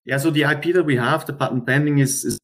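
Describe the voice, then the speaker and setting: Man giving an earnest startup pitch. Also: fairly even intonation, quick pace, a bit bright. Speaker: startup founder pitching to investors. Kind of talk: rehearsed startup pitch and answers.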